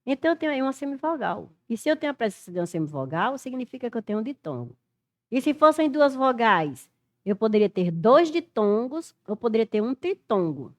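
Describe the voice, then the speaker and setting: Middle-aged Brazilian woman, lively Portuguese teacher reasoning aloud through exam questions. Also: fairly high pitch, brisk. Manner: animated, thinks aloud, spells letters out. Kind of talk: exam-prep lesson, working through questions.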